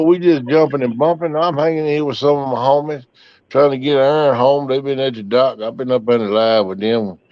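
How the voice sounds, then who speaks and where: A middle-aged man chats casually with his livestream viewers in a rambling, folksy way, his voice medium-pitched. The recording is muffled and dry, with no room sound.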